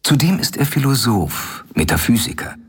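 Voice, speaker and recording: An actor playing an earnest, worried young doctor in a radio play. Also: male voice, medium pitch, sing-song, moderate pace, husky. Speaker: Doctor Seward. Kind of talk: radio play acting and narration.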